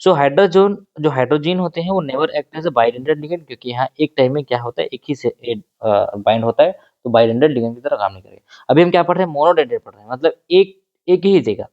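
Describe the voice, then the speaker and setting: A man's voice: a little high, a little fast, highs cut off. A man teaching a chemistry exam-prep lecture, repeating key terms and asking the class questions that he answers himself, mixing in English phrases. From India.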